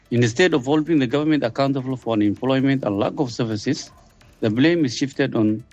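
A man's voice: medium pitch, a little mellow, dull audio. A man from Somalia calling in by voice note, speaking formally as if reading a prepared statement. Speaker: caller. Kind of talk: voice note to a radio show.

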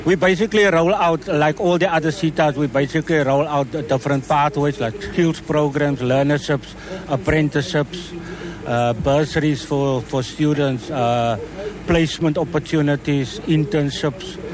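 A man's voice: on the high side, steady tone, moderate pace, crowd noise, poor audio. A man with a South African accent explains things courteously in a live radio interview, often repeating words for emphasis. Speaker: exhibitor, training authority representative. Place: outdoor event at a city square. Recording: clear outdoor urban background noise.

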